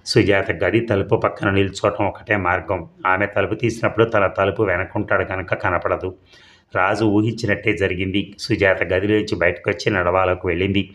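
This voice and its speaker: Deep-voiced man narrating a suspense story. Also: normal speed. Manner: steady storytelling, briefly voicing characters' lines.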